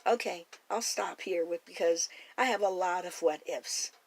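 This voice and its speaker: An older woman with a gentle, earnest and hopeful way of talking, giving a reflective personal monologue. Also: lowish voice, normal speed, creaky, rough recording. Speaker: food blogger and podcaster.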